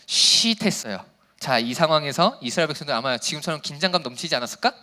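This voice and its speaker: A youth pastor giving a sermon to teenagers, casual, playful and slangy, who reads scripture quietly and then preaches animatedly. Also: male voice, fairly high pitch, animated, quick pace.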